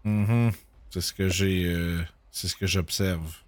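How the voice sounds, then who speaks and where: A man's voice: sits low, fairly even intonation, slow pace, dry recording, studio quality. A man chatting casually as a player in a tabletop game.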